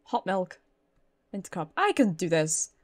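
With game music in the background, a British woman streams her gameplay, talking to herself playfully, reading dialogue aloud, giggling, and swearing mildly. Her pitch is fairly low, her delivery very animated, and her pace a little slow.

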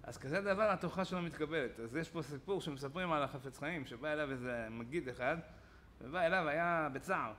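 A man, a rabbi giving a Torah lesson in a study hall, telling stories with lively acted-out quotes. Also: a little high, a little hiss or hum. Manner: animated storytelling with acted-out quotes.

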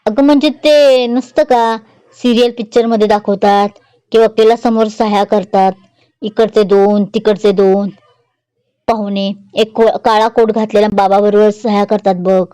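A woman storyteller voicing an excitable old village grandmother who talks in a rustic dialect. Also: mid-range voice, measured pace, clear, resonant tone, no room sound, lightly acted. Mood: fussing.

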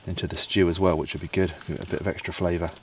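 A tired man in his forties with an English accent talks casually to the camera while busy with his hands, low in pitch and wry about his own efforts. He is outdoors in woodland at night on a camera mic. A faint rumble sits under the voice. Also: very fast. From England. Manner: relaxed, self-deprecating, talks while working with his hands. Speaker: bushcraft vlogger. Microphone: camera mic, close framing.

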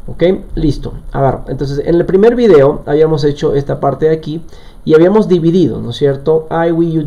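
A man gives a live online lesson with a gravelly, mellow voice that sits a little higher than most men's. He explains everything step by step and keeps checking that his students are following. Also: dull audio. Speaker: English teacher.

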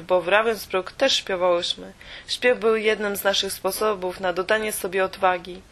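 A woman reading a first-person audiobook in a steady, measured way. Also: mid-range voice. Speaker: audiobook reader.

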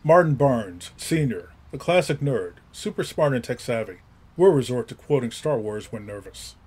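A man giving scripted narration, crisply introducing each character in a list-like way. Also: mid-range voice, animated, normal speed, darkish tone, a little hiss or hum.

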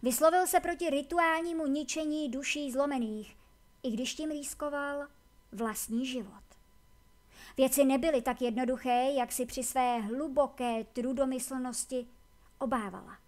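A woman narrating a fantasy novel aloud in a measured, deliberate reading. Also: high-pitched. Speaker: audiobook reader. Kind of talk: scripted narration.

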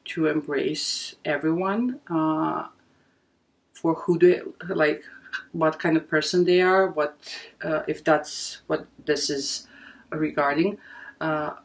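Slow, low-voiced woman with Bosnian accent. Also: fairly even intonation. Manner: rambling, hesitant, many fillers. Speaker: vlogger. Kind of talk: casual chat to camera. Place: bedroom, indoors. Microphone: camera at desk distance.

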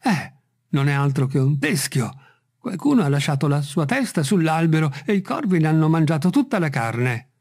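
A man's voice: a little high, sing-song, normal speed, darkish tone. A man voicing an old, simple, fearful male servant in an audiobook reading, with an eager, pleading manner.

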